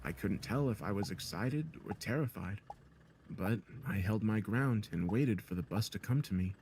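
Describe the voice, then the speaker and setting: Man, low voice, steady measured horror narration, scripted. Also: slight background noise.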